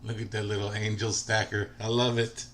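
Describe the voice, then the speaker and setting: A man's voice: on the low side, little pitch movement, normal speed, noisy background. A man in his forties hosting a casual livestream, chatting with viewers and answering their comments by name. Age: 40s. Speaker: livestream host.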